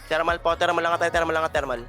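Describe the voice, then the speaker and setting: A man from the Philippines calling out commands to his team during a game, repeating each urgent call in rapid bursts. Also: on the high side, little pitch movement, bright, forceful tone, faint music behind. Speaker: team shot-caller. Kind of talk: fast repetitive in-game callouts.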